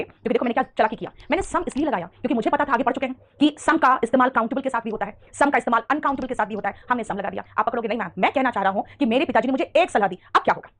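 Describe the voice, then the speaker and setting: Fast-talking Indian woman teaching English. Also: high voice. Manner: fast, scolding-affectionate, calls students "beta". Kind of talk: online grammar class.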